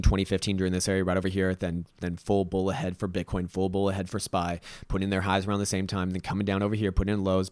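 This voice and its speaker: A man with a Latvian accent and a raspy voice, giving casual live chart commentary as host, with informal, self-deprecating asides. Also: sits low, dry recording. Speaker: host, market analyst.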